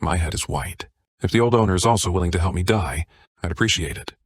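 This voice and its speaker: A man narrating a comic story recap in a flat, even reading style. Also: low voice, fast talker, no room sound.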